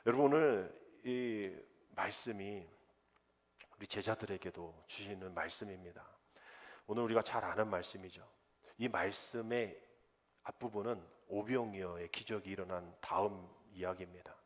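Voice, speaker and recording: A man preaching a sermon as pastor, lively and conversational, acting out the voices of people he quotes. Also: on the low side, moderate pace. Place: church sanctuary. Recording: long church hall reverb.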